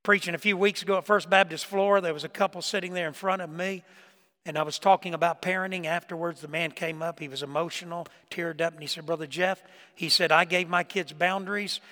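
A man preaching a sermon in a church, telling stories with emphasis and dropping between loud lines and hushed ones. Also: sits high, little pitch movement, quick pace. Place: church sanctuary. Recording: reverberant church hall.

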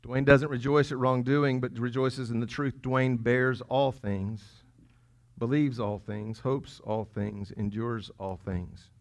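Man pastor preaching; easygoing, teasing, punches key lines then drops low. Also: steady tone, slow. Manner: conversational and playful, swinging between loud emphasis and quiet asides. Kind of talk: sermon. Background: congregation chuckling.

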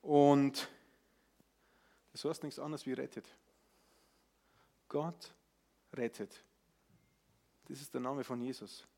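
A man's voice: medium pitch, level tone, measured pace, vocal fry, pauses often, mellow. A man preaching a Christmas sermon in a teaching, informal way, putting questions to his congregation. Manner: plain, informal wording with fillers.

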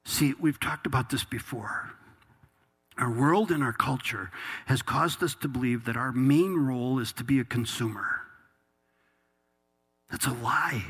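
A man's voice: mid-range voice, a little slow, pauses often, a bit bright, breathy edge. A man preaching a sermon, reading a passage aloud and then exhorting the congregation with growing intensity. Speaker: pastor.

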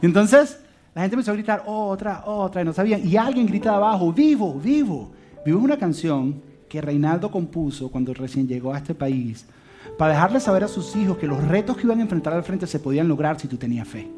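A man with a slightly high voice tells a heartfelt story to a congregation, his delivery animated and swinging from loud emphatic bursts to hushed, soft lines. Gentle guitar plays clearly behind him throughout. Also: fast. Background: soft guitar music.

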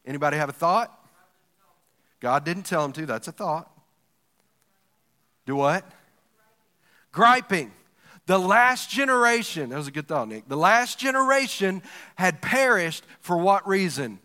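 Bright-voiced, joking male pastor preaching. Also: high voice, a little slow, pauses often. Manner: lively, joking, talks directly to the congregation. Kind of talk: sermon. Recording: long reverb of a large hall.

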